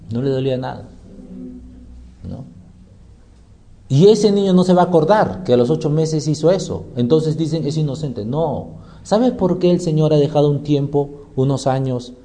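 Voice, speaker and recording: A man's voice: medium pitch, mellow. A man preaching a sermon, emphatic, firing rhetorical questions and answering them himself.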